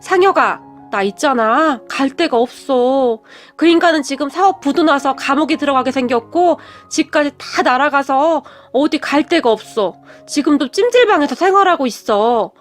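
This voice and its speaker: A woman's voice: high-pitched, expressive, faint music behind. A woman doing a pleading, destitute birth mother. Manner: pleading, slow and drawn out.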